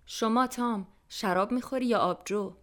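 A woman's voice: fairly high pitch, natural voice. A woman voicing Jamshid, a courteous, hospitable man hosting a dinner, in a scripted language-lesson dialogue. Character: hospitable adult man, the host's husband.

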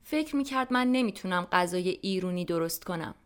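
A woman's voice: lowish voice, expressive, smooth. A woman narrating a scripted language-lesson dialogue and voicing an insistent, hospitable hostess.

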